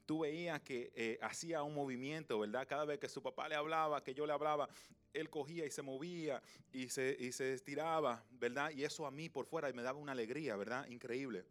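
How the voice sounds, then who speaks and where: A young male pastor with a medium-pitched voice preaches a sermon built around a personal story. He shifts between loud passages and hushed, slow ones.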